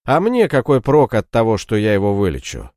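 A man's voice: lowish voice, huge pitch swings, fairly quick, a little mellow, no room sound, studio quality. A man voicing a sly, mocking male captive healer who taunts his captors in an audiobook story. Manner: taunting, scornful.

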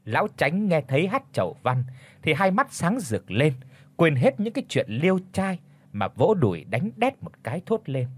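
Husky, lively male storyteller. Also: on the high side, moderate pace. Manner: expressive storytelling. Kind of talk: audiobook story narration.

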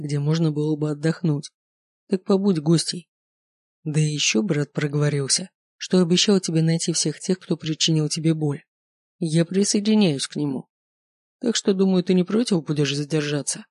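Calm, insistent male werewolf alpha for an audiobook, done by the reader, dry mic. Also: medium pitch, moderate pace, dry recording, close to an everyday voice. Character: possessive male werewolf alpha, young adult. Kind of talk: audiobook character voice.

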